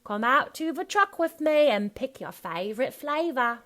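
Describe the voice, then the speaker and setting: A woman's voice: sits high, expressive, normal speed, fairly bright tone, pitched above the performer's own voice. A woman voicing a dim, jolly Cockney henchman, a grown man, with an exaggerated accent. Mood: broad, jolly.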